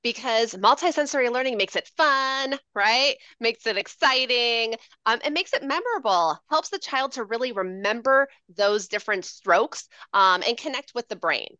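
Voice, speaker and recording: Woman, playful teacher voice, bright and sharp, video call, lively swoops. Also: on the high side, normal speed, few pauses, no echo, dull audio. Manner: playful, animated teacher voice with sing-song stroke calls. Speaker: educator demonstrating handwriting.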